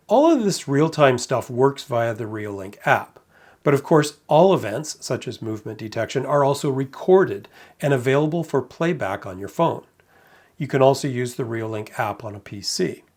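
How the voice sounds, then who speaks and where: A man narrating a product review in a measured, matter-of-fact way with light amused asides. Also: mid-range voice, darkish tone.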